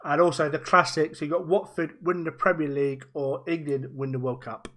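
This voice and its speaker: Brief: young male podcast host, rapid and chatty, a touch high-pitched. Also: steady tone, a bit bright. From raised Welsh, born in Germany. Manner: quick, chatty, asks rapid-fire questions. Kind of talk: casual podcast interview.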